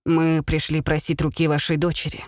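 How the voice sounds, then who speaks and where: Grave male warrior general, read by a woman, calm, formal, low, dry. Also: moderate pace, no echo, natural voice.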